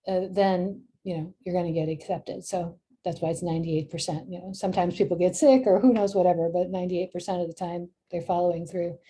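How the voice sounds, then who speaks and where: A middle-aged woman, a journal editor, giving a relaxed screen-share tutorial and thinking aloud with frequent ums. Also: on the low side, breathy edge.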